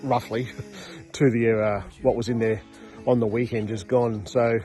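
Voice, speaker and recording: A man's voice: medium pitch, level tone, unhurried, music in the background. A middle-aged man vlogging casually and plainly about what he is doing, outdoors beside buzzing beehives. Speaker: hobby beekeeper vlogger. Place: outdoors in a rural yard among beehives. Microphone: handheld phone camera at arm's length.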